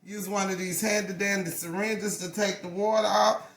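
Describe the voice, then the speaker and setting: A woman's voice: mid-range voice, steady tone, moderate pace. A woman in her forties giving a casual hands-on craft tutorial, chatty and folksy, often correcting herself mid-sentence. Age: 40s. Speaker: craft channel owner. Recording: roomy echo.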